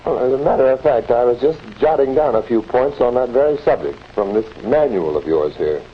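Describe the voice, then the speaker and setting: A man's voice: medium pitch, lively intonation, a little fast, close to an everyday voice. An actor playing an exasperated, plain-spoken American factory foreman with a wry manner in a 1940s instructional film. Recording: muffled, hissy 1940s film soundtrack.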